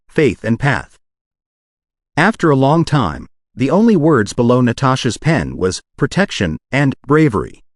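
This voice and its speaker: A synthetic male narrator reads a fantasy novel aloud with a lively, sing-song rise and fall. The sound is dry and close, with no room around it, and the delivery keeps the even, mechanical pacing of a text-to-speech audiobook. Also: mid-range voice, no room sound. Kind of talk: scripted narration.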